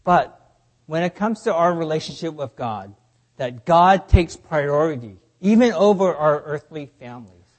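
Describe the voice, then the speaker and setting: High-voiced man preaching in short phrases. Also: expressive. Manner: speaks in short phrases, pausing for translation. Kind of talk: sermon delivered through an interpreter.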